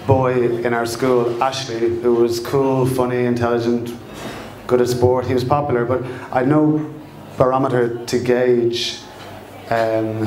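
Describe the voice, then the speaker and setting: A middle-aged man from Dublin with an Irish accent tells a personal story live in a fireside storytelling style, halting and reflective as he searches for his words. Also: medium pitch, a little mellow. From Dublin, Ireland. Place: indoor live storytelling event, echoey room. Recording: echoey room.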